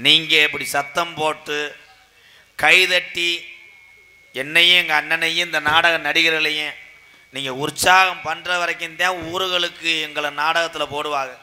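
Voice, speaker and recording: Brief: high, very bright-toned man, a stage drama comedian declaiming loudly to a village crowd outdoors, with joking asides and faint background noise. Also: flat delivery, measured pace. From Tamil Nadu, India.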